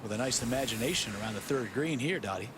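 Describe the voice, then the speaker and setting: A man's voice: medium pitch, lively intonation, fast talker. A man hosting golf coverage as a commentator, setting scenes and handing over to colleagues. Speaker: golf commentator, broadcast host. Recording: loud outdoor ambient noise behind the voice.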